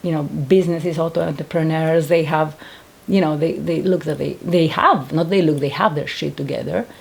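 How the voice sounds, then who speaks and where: Speaking English with a Greek accent, this painter in her thirties offers heartfelt testimony as a survivor, often breaking off and starting over as she looks for words. Her low voice carries vocal fry and slight roughness, with fairly even intonation at normal speed.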